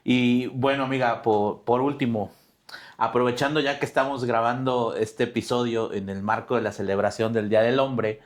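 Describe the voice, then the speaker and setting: A man hosting a podcast interview, asking measured questions and agreeing with his guest. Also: medium pitch, steady tone. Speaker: podcast host.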